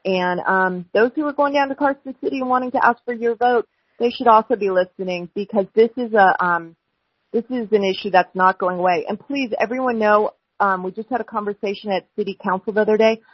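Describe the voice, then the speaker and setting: An American woman speaking as a candidate hosting a live telephone town hall, with a halting delivery full of hesitations, over a phone. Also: mid-range voice, husky. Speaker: city council member running for mayor, hosting a town hall. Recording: dull, lo-fi telephone line.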